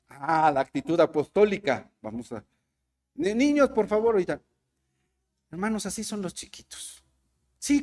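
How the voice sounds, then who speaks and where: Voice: mid-range voice, a little mellow. A preacher with a Mexican Spanish accent giving a sermon at a church service, asking the congregation questions and acting out the voices of people in the story. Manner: asks the congregation questions and acts out quoted voices.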